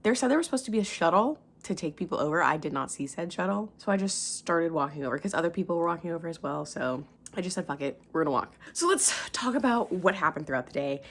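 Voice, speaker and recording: A woman's voice: on the low side, lively intonation, fast, gravelly. A young woman vlogging in casual chat, gushing and chatty with lots of filler words.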